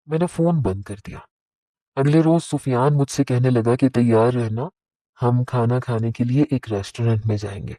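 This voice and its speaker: Mellow-voiced male storyteller. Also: mid-range voice, no room sound, poor audio. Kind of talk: first-person story narration.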